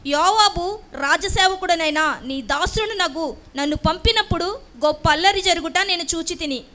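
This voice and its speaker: Bright high-voiced woman reading scripture. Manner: slow, formal, measured reading. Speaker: scripture reader in church.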